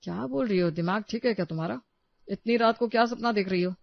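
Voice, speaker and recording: A woman's voice: mid-range voice, fast, vocal fry, no echo, close to an everyday voice. An irritable young husband from a storybook tale snaps back brusquely, played by a woman narrator. His voice is curt and tired. The recording is dry and a little muffled. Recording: dry, slightly dull recording.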